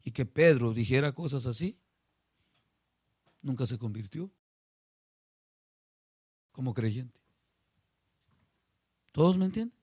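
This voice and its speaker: A pastor preaching a sermon to a small congregation, calling on listeners by name and asking them questions. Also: male voice, medium pitch, lively intonation, slow, long pauses, dark tone, husky, no echo, studio quality. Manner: retells a story acting out voices.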